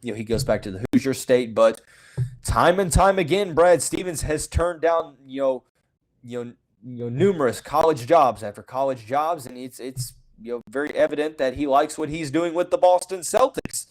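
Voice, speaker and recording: This opinionated sports podcast host talks at normal speed in a mid-range voice, delivering a casual monologue full of "you know" and restarts. He's frank, claims to call it as he sees it, and is hiccuping throughout; the recording is poor.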